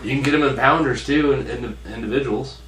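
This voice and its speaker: A man's voice: medium pitch, a little fast. A man co-hosting a drink review in casual, joking banter, with hesitant, colloquial remarks that trail off. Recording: roomy, distant mic, faint noise.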